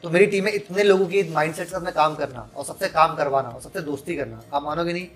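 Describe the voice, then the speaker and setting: A man's voice: a little high, quick pace, a bit bright, faint music behind. A man in his thirties, a podcast guest who talks frankly and with strong opinions, dropping English phrases into casual interview talk.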